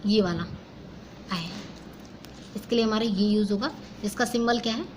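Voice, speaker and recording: A woman's voice: mid-range voice, normal speed, a little mellow, a little hiss or hum, low-quality recording. A young woman with an Indian English accent, teaching phonetics step by step, asking and answering her own questions and mixing Hindi and English. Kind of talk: phonetics lesson.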